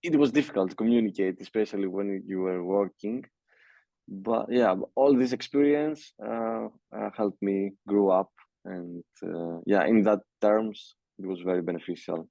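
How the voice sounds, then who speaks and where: Lowish and mellow with vocal fry, the voice belongs to a young Greek music producer giving a casual interview in English, his second language, with a Greek accent. The recording is dry and dull, and he speaks hesitantly, using many fillers and restarting often.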